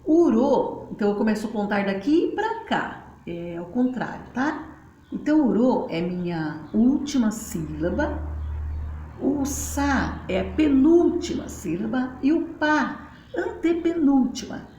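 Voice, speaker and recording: A woman's voice: fairly high pitch, sing-song, a little slow, dark tone, dull audio. A woman teacher, patiently explaining at a board and spelling out syllables in a chatty way. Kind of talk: casual classroom explanation. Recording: roomy, faint background noise.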